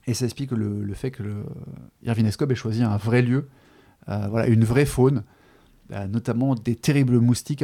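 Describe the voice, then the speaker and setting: A man hosting a podcast, chatting casually about a book, pausing often with fillers and restarting his sentences. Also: mid-range voice, dark tone. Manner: hesitant, many fillers and restarts, chatty asides. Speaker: podcast host. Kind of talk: casual literary chat.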